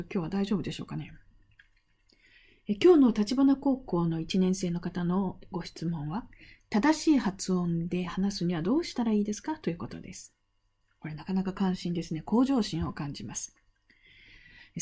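A middle-aged woman giving a relaxed spoken lesson with a slightly husky, warm voice. She talks in a chatty, playful way, tossing out rhetorical questions and slipping into soft breathy asides. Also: lowish voice. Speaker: interpreting instructor. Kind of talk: casual spoken lesson answering a student question.

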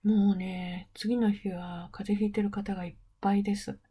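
A woman's voice: mid-range voice, level tone, moderate pace, dark tone, breathy edge. A middle-aged woman hosting an interpreting training talk, explaining things in a chatty, teacherly way with playful asides. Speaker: host of an interpreting training program. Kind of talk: casual lecture-style talk.

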